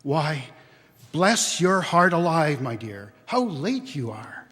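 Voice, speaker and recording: A woman's voice: deep voice, big pitch swings, slow pace, fairly bright tone, full character voice. A retired man voicing a fond, fussing mother of a poor household in a storybook reading, heard in a long church echo. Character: anxious loving mother of a poor family.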